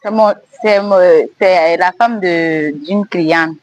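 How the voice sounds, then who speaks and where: A woman's voice: on the low side, slow, no room sound. A woman, defending herself as she insistently explains her phone contacts to a host. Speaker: guest being tested. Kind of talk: casual conversation.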